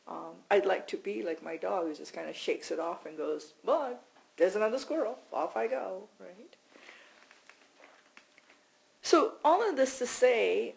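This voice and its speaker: A woman's voice: fairly low pitch, vocal fry, low-quality recording. A woman teaching in an informal, conversational way, often repeating words and adding "right?". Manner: conversational, repeats words and adds tag questions. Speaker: meditation teacher.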